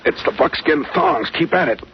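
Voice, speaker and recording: An actor playing a cool-headed, bossy adventurer captain in 1940s radio drama style, clipped and commanding. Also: male voice, a little high, expressive, moderate pace, natural voice. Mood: urgent, encouraging. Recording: muffled, noisy vintage 1940s radio recording.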